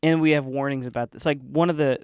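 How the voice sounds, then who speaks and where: A man co-hosting a podcast in casual chat who laughs easily and answers with quick agreement. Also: mid-range voice, steady tone, a little mellow, clear, resonant tone, dry recording, studio quality. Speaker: podcast co-host. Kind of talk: casual conversation.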